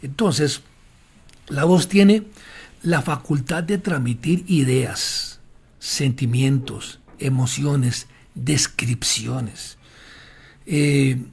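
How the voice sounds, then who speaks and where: A man's voice: medium pitch, a little mellow, slightly rough. A man teaching fellow pastors how to use the voice in preaching, giving direct advice in a didactic manner with frequent fillers. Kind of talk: instructional lecture to pastors. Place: speaking while drinking water during a talk.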